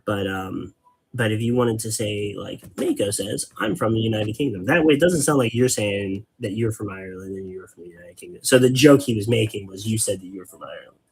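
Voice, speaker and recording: Speaking a little fast, a man with a husky, lowish voice sounds expressive as he paints on a casual hobby stream. It's rambling live-stream banter full of patient explanations and groan-worthy dad jokes.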